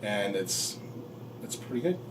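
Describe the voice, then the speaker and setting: A man being interviewed as a home builder, talking in a relaxed, halting way with fillers. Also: lowish voice, far from the mic, noisy background. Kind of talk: casual interview.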